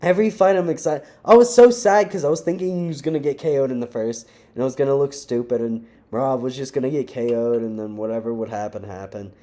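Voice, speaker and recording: A young man ranting casually to camera, animated and slangy, breaking into frequent laughs. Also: medium pitch, fast talker, few pauses. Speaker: vlogger. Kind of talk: casual rant.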